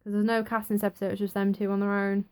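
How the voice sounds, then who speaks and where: Young woman, casual reviewer, chatty and excitable. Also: medium pitch, very fast, smooth. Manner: chatty, excitable, acts out quotes. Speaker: TV episode reviewer.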